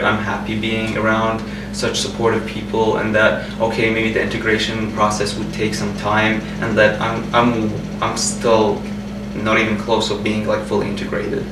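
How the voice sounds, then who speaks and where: This young Jordanian man, in his twenties, talks in a personal interview with a flat delivery, a low-leaning voice and a moderate pace, hardly pausing. He is still hesitant, with frequent fillers and restarts. The sound is roomy from a distant microphone, with hum behind it.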